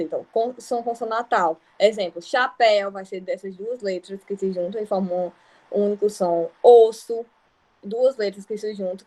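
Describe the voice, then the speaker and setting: A woman's voice: medium pitch, mellow. A young Brazilian woman teaching an online grammar lesson, explaining patiently with examples and checking that students follow. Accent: Brazilian Portuguese.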